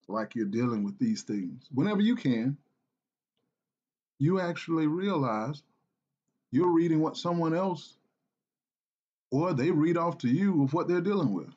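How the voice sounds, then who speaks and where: A man's voice: fairly high pitch, a little mellow, slightly rough, lo-fi sound. Earnest man telling a personal story. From South Carolina, United States. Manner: earnest, halting, with restarts and repeated phrases.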